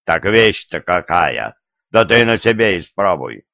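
A man's voice: low voice, very animated, a little slow, gravelly, bright, forceful tone, no room sound, exaggerated voice. A man voicing a zealous, fawning male executioner in an audiobook, talking in an eager, pleading, servile way. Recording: dull, dry lo-fi recording.

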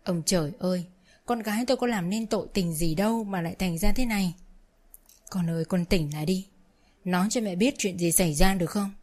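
A woman's voice: fairly low pitch, a little fast, a little mellow, natural voice. A woman voicing a worried older village mother who presses with anxious questions in a told story. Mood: tearful.

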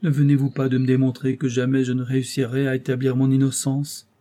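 A man's voice: mid-range voice, monotone, fairly quick, mellow, pitched above the performer's own voice, close to an everyday voice. A man reading an audiobook, voicing a nervous young man who speaks in a plaintive, pleading way. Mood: despairing. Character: despairing young man, nervous and easily swayed. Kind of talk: audiobook character voice.

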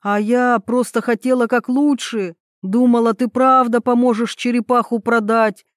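A woman voicing a shrill, accusing middle-aged woman who feels betrayed by a friend. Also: level tone, normal speed, no echo, studio quality, natural voice. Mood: hurt.

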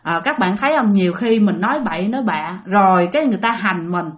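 A woman with a mid-range, expressive voice talks at a quick clip as she hosts a storytelling channel. She narrates ghost stories sent in by listeners, chatting casually and often addressing her audience directly.

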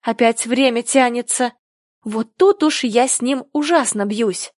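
A woman's voice: a little high, a little slow, no echo, clean studio sound, natural voice. A woman reading the part of a polite, earnest young girl in a storybook who takes offense easily. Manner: prim, earnest.

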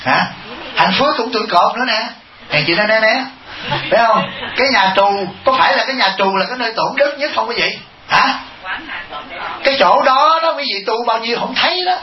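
A man's voice: high-pitched, lively intonation, fairly quick, a crowd in the background. A male Buddhist monk giving a humorous dharma talk, asking the audience rhetorical questions and chuckling. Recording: echoey, muffled hall recording.

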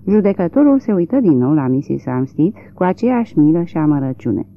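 Un bărbat care citește expresiv și măsurat o carte audio literară. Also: male voice, on the high side, very animated. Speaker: audiobook reader. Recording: tinny lo-fi narrow-band recording.

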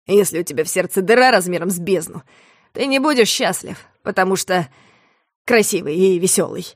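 A woman voicing a desperate, drunk young man who makes a hushed, broken confession in an audiobook story. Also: lowish voice, animated, brisk, dry recording, clean studio sound. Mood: despairing.

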